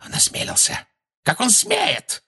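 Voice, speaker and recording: A man's voice: measured pace, fairly bright tone, husky, exaggerated voice. A man voicing a fanatical, cruel witch who hisses and shrieks in fury. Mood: shrieking fury. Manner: shrill, hissing, shrieks in fury.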